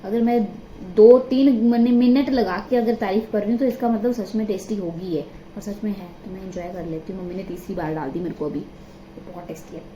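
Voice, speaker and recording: A woman's voice: mid-range voice, steady tone, a little fast, warm tone, slight background noise. A young woman vlogging at home on her phone. She chats casually and gushes, repeating herself for emphasis. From Himachal Pradesh, India. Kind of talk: casual vlog chat. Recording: echoey, roomy sound.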